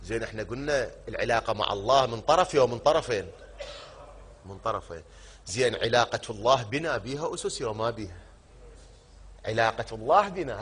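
Husky Iraqi preacher asking and answering. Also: male voice, mid-range voice, fairly bright tone. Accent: Iraqi Arabic. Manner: asks the congregation questions and answers them himself; stretches key words out slowly for emphasis. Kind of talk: sermon.

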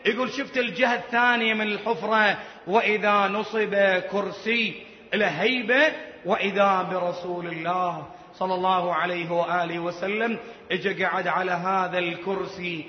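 A very high-pitched man delivers a religious sermon in slow, drawn-out, emotional phrases. His voice rings through a long, reverberant hall with a dull, muffled tone. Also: fairly even intonation. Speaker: preacher. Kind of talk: Shia religious sermon recounting a story. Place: large shrine courtyard. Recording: echoey hall, dull sound, faint noise.

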